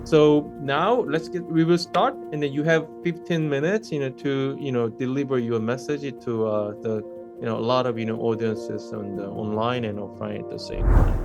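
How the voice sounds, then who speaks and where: A man's voice: medium pitch, fairly even intonation, normal speed, creaky, over loud music. Rambling male forum moderator. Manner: rambling, many "you know" fillers.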